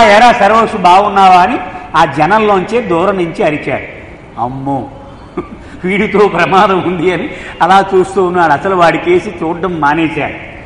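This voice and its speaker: High-voiced man telling devotional stories in a hall. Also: slight background noise. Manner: animated, lively anecdote-telling. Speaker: spiritual storyteller. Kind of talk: devotional storytelling discourse. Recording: echoey hall with long reverb, faint ambience.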